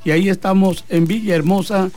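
This Mexican sports radio host speaks briskly in a steady, high-pitched voice with a darkish tone. Sitting in his booth with faint music playing behind him, he chats casually, reads out messages from listeners and adds his own advice.

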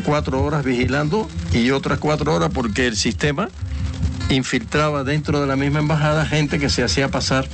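An older man from Cuba recounting his life story as an interview guest, rambling with many fillers and restarts. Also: medium pitch.

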